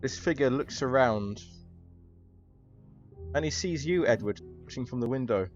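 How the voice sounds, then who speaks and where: A man's voice: mid-range voice, expressive, a little slow. A man narrating a tabletop role-playing game as its game master. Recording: dull recording with background music.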